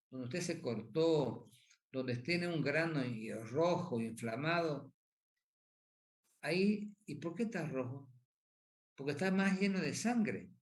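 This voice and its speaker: A man giving a lecture who asks questions and answers them himself, repeats key points and keeps checking in with tag questions. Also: medium pitch. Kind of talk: pathophysiology lecture.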